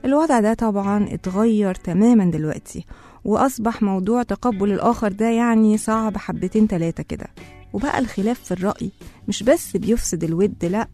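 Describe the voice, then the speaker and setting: A woman's voice: medium pitch, dark tone. A woman with an Egyptian accent hosting a radio talk show and speaking to her listeners. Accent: Egyptian Arabic.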